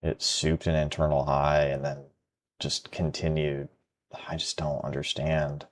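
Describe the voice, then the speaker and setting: A man's voice: extremely low pitch, flat delivery, unhurried. A tired man talking to himself while trading live, frustrated and muttering. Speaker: day trader.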